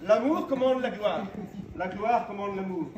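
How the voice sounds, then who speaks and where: A grandiose, fervent knight declaims with hammy stage flourish in a high-pitched voice. He is recorded live from a distance, with plenty of echo. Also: a little slow, dull audio, a crowd in the background. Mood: scolding, declamatory. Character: grandiose, lovesick, fervent knight Don Quixote. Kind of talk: theatrical stage acting. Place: live theatre show, far from mic. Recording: distant, echoey, noisy live performance recording.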